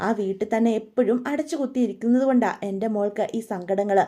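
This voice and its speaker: A woman voicing a scheming, smooth-talking middle-aged father in a retold soap story, in a coaxing tone. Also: medium pitch, quick pace, warm tone, lightly acted.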